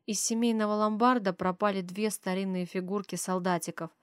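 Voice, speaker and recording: A woman reading a first-person audiobook with steady, expressive narration. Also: medium pitch, brisk, smooth, no echo, studio quality.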